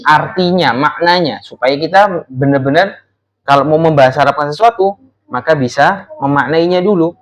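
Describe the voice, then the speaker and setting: A man's voice: on the high side, low-quality recording. A man teaching an Arabic lesson to children, patient and coaxing, often repeating words and phrases for them.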